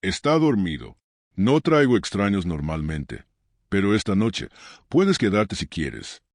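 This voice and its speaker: A man voicing a weary widowed father who speaks low, evenly and without hurry. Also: big pitch swings, measured pace, no room sound, clean studio sound, exaggerated voice. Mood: calm.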